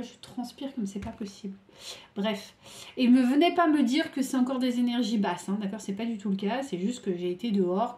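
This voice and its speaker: A woman's voice: mid-range voice, mellow, echoey room. A woman giving a tarot reading while sick with a cold and a fever, her nose stuffed up, talking hesitantly with lots of fillers and restarts. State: feverish and tired. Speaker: tarot reader.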